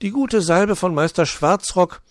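A man's voice: high voice, measured pace, dry recording, studio quality, pitched above the performer's own voice. A man voicing a small, sporty, eager male bird in a children's storybook. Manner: cheerful, eager.

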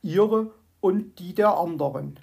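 Storybook friend, male, jolly and teasing, unhurried voice, read by a woman. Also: lowish voice, vocal fry, darkish tone. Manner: laughing, teasing. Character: good-natured teasing male peacemaker friend.

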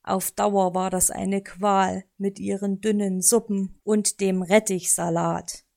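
Lady voicing an old owl uncle, sheepish and greedy, sighs a lot, hoots "huhu", kinda low and slow. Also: level tone, creaky, a little mellow. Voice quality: hoots a "huhu" at line ends. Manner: sighing and pleading.

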